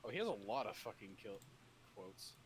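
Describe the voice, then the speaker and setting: Low voice guy rambling and swearing while gaming, noisy mic hiss. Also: big pitch swings, a little fast. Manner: casual, swears freely, rambling. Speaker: gamer. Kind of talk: casual chat while gaming.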